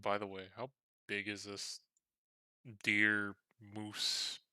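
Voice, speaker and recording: A man's voice: fairly low pitch, monotone, slow pace, bright, forceful tone, clear, resonant tone, no echo. A man playing a tabletop game, chatting casually with a joking, profane manner. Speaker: player.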